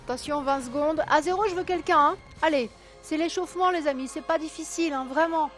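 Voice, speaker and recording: A woman hosting a live call-in TV quiz, her voice hoarse, chatty and coaxing viewers, counting down and correcting herself aloud. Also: high-pitched, a little fast, a bit bright, faint music behind. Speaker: game show host.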